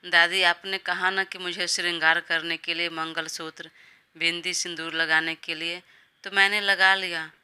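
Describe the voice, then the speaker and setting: A woman's voice: fairly low pitch, level tone, moderate pace, sharp tone, clear, resonant tone. A woman voicing a defiant young bride who complains and schemes against her husband. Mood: whining.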